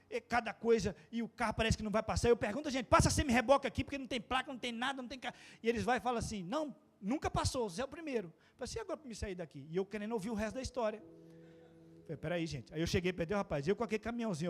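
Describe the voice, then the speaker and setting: Man, Brazilian Portuguese accent, pastor, high-pitched, casual sermon, playful storytelling, quiet asides and loud peaks. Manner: swings between quiet asides and loud, rising exclamations; storytelling with playful quoted voices and sound effects.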